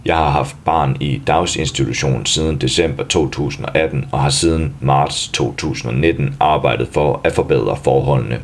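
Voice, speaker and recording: A man reading a news article aloud in a steady, even way, even speaking the punctuation. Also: a bass voice, few pauses.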